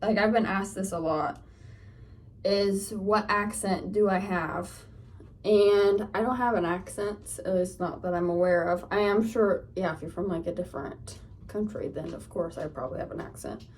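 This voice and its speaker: A young lifestyle vlogger from Northern California, with a Californian accent, chats casually while getting ready at home, rambling with lots of fillers. She records on a phone camera, her medium-pitched voice at a moderate pace sounding a bit off-mic and distant.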